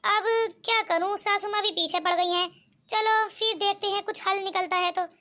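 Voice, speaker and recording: Anxious newlywed daughter-in-law in a cartoon, voiced by a woman; very high and bright. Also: fairly even intonation, normal speed. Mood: worried. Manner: nervous, polite. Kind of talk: cartoon voice acting.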